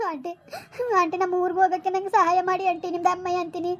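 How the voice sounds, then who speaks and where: Woman acting as a lost young village girl, begging, high voice, fast. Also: little pitch movement, dull audio. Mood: pleading. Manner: begging, tearful pleading.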